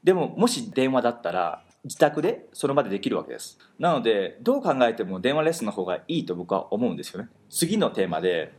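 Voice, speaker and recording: A man hosting a talk, explaining pronunciation in an animated way and slowing down on key words for emphasis. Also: medium pitch, slightly rough. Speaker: host teaching pronunciation. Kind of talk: explanatory chat.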